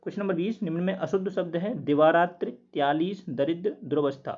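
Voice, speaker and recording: A man working through quiz answers as a teacher, steadily repeating each word slowly to explain it. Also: on the high side, darkish tone. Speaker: Hindi test teacher. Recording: dull lo-fi recording.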